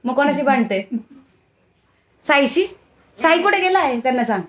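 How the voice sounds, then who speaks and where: A young mother with a fairly high voice chats through a casual family vlog. She teases and coaxes her little son to talk to the camera. She is recorded indoors at a relative's home. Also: lively intonation, moderate pace. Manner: chatty, coaxing and teasing a small child.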